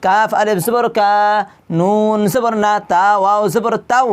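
A Quran teacher works through a tajweed lesson, spelling out each letter and vowel mark before reciting the verse in long, drawn-out tones. The voice sits at a middle pitch and sounds smooth and clear. The teacher keeps asking the listeners questions and then answering them. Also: steady tone.

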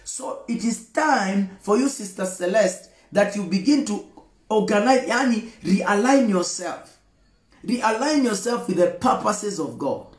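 Gesturing heavily and repeating emphatic phrases, a Kenyan man in his thirties preaches a daily devotional livestream from an indoor room with a screen and flowers, shot close up on a phone. The pastor's high voice is expressive and unhurried, echoing in the room.

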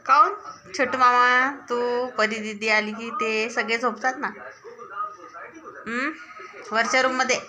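Woman, Marathi accent, casual home chat, coaxing, slightly high voice, busy background voices. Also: fairly even intonation, a little slow, long pauses, a crowd in the background. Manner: coaxing, affectionate toward child. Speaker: vlogger and mother.

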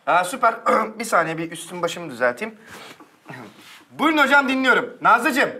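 A boastful, whiny drama student. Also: male voice, high voice, very animated, normal speed, bright, forceful tone, full character voice. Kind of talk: sitcom acting.

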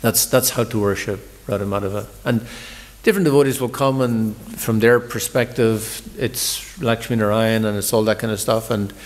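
A man's voice: on the low side, fairly even intonation, normal speed, few pauses, big-room sound. A man giving a morning scripture class, talking in a conversational storytelling sermon, often repeating words as he restarts. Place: large temple hall.

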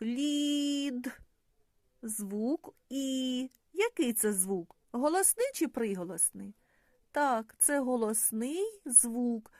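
Slow sing-song woman teaching small children. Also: a little high, no room sound, clean studio sound. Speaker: primary school teacher. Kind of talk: phonics lesson for young children.

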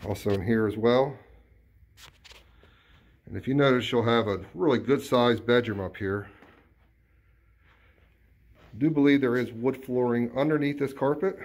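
A real estate agent with a medium-pitched voice narrates a casual walkthrough of an empty house, relaxed and informal, sometimes making small self-corrections. It's filmed on a handheld phone camera, and the bare rooms sound echoey over faint background noise.

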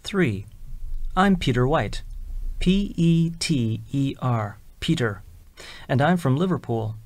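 A man voices a scripted listening exercise at an unhurried pace. His delivery is careful and clearly enunciated. He spells names out letter by letter, in a dead-dry recording. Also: medium pitch, lively intonation, a little mellow, no echo. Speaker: exam recording reader.

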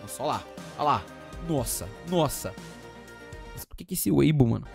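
A young man with a Brazilian accent, streaming and reacting excitedly with lots of slang and exclamations. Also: medium pitch, moderate pace, gravelly, faint music behind. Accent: Brazilian Portuguese.

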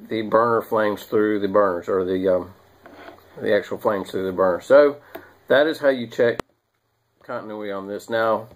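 A middle-aged man demonstrating how to test a part, unhurried, with frequent ums and restarts. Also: mid-range voice. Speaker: HVAC technician. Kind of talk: hands-on repair demonstration. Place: small home room.

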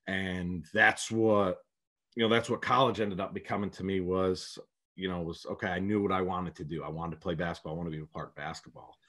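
A man with a fairly low voice answers questions as a guest on a remote call. He tells his story in a relaxed, rambling way, often starting sentences over as he goes. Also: a little fast. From upstate New York. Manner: rambling, storytelling, many restarts. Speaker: head prep basketball coach, guest. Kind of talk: casual interview answers.

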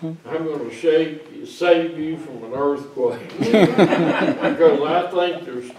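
Seated among children in a small church, an older pastor gives a folksy, teasing children's sermon in a fairly high voice at a slow pace. A far-off camera captures roomy church sound over a noisy crowd.

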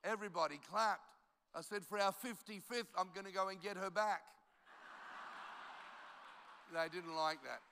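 Pausing often and never rushing, this seventy-something man preaches in a voice that sits high. A pastor brought up in Australia by Italian parents, he tells self-deprecating stories and urges listeners emphatically during a conference sermon, with a long reverb tail and background noise in the recording.

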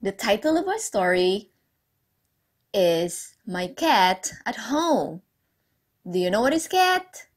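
A woman's voice: medium pitch, sing-song, slow pace, long pauses. A woman teacher telling a story to young children, asking the class questions, repeating key words and praising their answers. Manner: praising, encouraging.

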